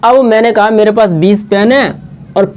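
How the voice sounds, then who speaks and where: A man teaching a maths lesson at a board, slowly explaining and repeating, asking questions and answering them himself. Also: sits high, a little mellow, slight background noise. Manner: slow, repetitive explaining.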